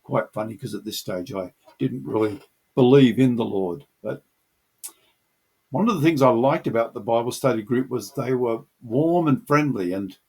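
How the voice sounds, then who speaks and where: A man's voice: mid-range voice, normal speed, a little mellow, husky. A middle-aged man earnestly telling the personal story of how he came to faith, in a reflective storytelling manner. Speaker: channel host sharing his testimony.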